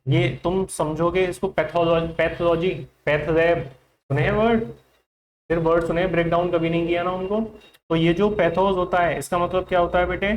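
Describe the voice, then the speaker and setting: Steady in tone and normal in speed, this high-voiced man with an Indian accent teaches English vocabulary in Hindi, quizzing the class again and again. There is slight background noise.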